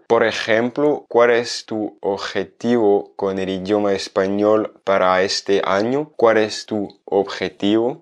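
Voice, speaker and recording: A man teaching Spanish vocabulary in a video lesson, explaining clearly and slowly. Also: lowish voice. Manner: clear, slow explaining, switching between French and Spanish.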